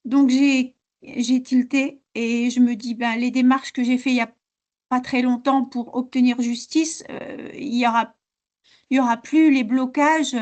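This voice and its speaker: A woman recounting her experiences as a client in a hypnosis session, talking in a halting way with many fillers and restarts. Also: high-pitched, fairly even intonation, a little mellow.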